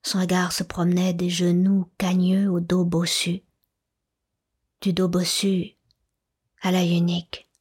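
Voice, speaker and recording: A woman narrating a classic novel for an audiobook in a soft, measured way that often slips into a whisper. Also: lowish voice, completely flat delivery, breathy edge.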